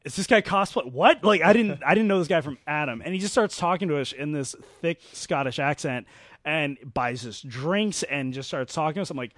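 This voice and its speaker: Animated man telling convention stories. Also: a little high, brisk, dry recording, clean studio sound. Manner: animated storyteller, self-deprecating, swears casually. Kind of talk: casual chat.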